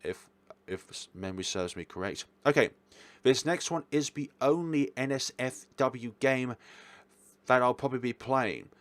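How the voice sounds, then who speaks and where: In a medium-pitched, slightly bright voice at a moderate pace, a man hosts a game review video with casual tier-list commentary. He talks informally, wanders a bit and corrects himself, and the audio has no echo.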